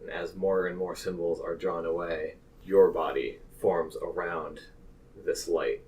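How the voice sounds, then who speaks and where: A man with a deep, steady, slightly mellow voice acts as game master for a tabletop roleplaying game, improvising narration in a deliberate, halting manner. The mic is distant.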